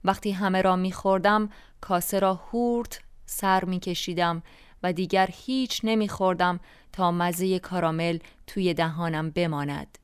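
An older woman from Iran reading her own memoir aloud in a slow, wistful and reflective way. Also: fairly low pitch, fairly even intonation, smooth, no room sound, clean studio sound. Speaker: narrator.

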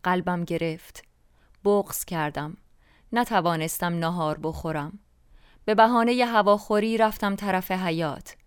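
An older woman from Iran reading her own memoir aloud in a slow, wistful and reflective way. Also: on the low side, smooth, dry recording, clean studio sound. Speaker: narrator.

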